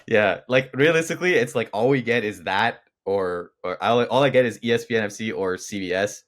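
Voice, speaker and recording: Young man, very deep voice, football podcast co-host, casual rambling chat, emphatic, many fillers. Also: a little fast, a bit bright.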